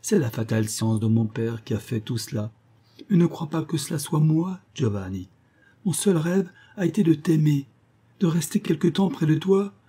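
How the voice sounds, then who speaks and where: A gentle young woman raised among poison flowers, tender and pleading, as a male audiobook reader puts her on. Her voice sits well above his own, softly husky and mellow, in the manner of a storybook reading. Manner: soft, pleading, raised pitch.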